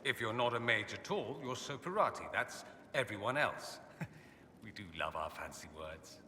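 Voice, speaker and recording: In a fantasy game scene, an adult man plays an urbane, confident noble mage from abroad, using a crisp, very bright voice that swoops in pitch with theatrical, sardonic suavity. His mood is amused and lofty, and his pace moderate. Faint ambient noise sits under the echo of a large hall.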